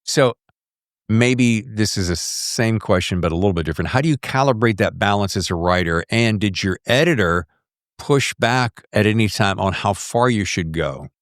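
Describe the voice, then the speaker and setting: A man with a fairly low voice at normal speed hosts a casual podcast interview with an author, recorded in a studio with no room sound. He talks animatedly and slips into acting out his own inner monologue.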